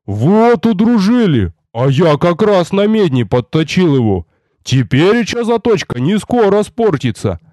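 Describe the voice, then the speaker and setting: A man voicing a big, boisterous male warrior who roars and shouts in folksy speech. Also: sits high, big pitch swings, unhurried, no echo, clean studio sound, voice pushed up. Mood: delighted. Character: burly bearded male warrior, loud and boisterous.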